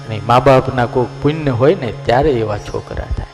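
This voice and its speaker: A male swami, giving a sermon full of folksy stories. His pitch sits in a middle range, and he often checks in with listeners as he goes. The voice carries through a large echoey hall with faint music behind. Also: brisk, a little mellow. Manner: folksy, storytelling, asks listeners for agreement. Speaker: swami preacher.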